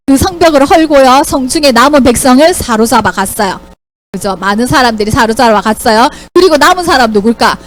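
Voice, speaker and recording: Brief: Sunday school teacher, woman, high voice, very lively intonation, asks the kids questions. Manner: asks the children questions, animated storytelling. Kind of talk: Bible lesson for children.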